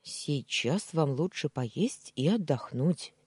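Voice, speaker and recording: A timid, careful housemaid, read by a woman speaks politely and hesitantly. The voice is warm and a little husky, with lively rises and falls, like an audiobook reading. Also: low-pitched, slow, no echo, clean studio sound, heavily acted. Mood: cautious, gentle. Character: timid, careful female servant, gentle and hesitant.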